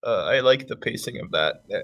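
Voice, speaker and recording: A man's voice: medium pitch, lively intonation, a little fast, sharp tone. A man giving his analysis of an anime episode in casual chat, hedging and restarting his phrases.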